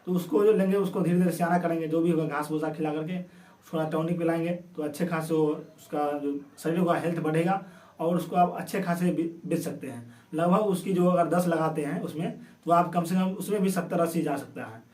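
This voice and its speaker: Speaking fairly quickly in a steady, darkish tone, this high-pitched video host talks casually despite a sore throat. He keeps restating his points in new ways, and the recording sounds roomy and echoey because he is distant from the mic.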